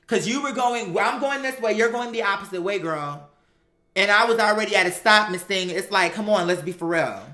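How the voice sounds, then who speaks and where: A sassy woman tells an animated story about something that happened to her, her voice bright and mid-range, moving a little fast. She's emphatic, slangy, and profane, acting out the quoted dialogue. The room she's in is echoey.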